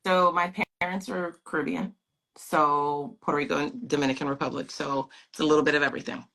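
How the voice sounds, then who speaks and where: A woman's voice: deep voice, little pitch movement, brisk, vocal fry, fairly bright tone, rough recording. A woman guest on a video call, telling her story in an earnest, emphatic and reflective way. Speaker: pageant titleholder guest. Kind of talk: storytelling in an interview.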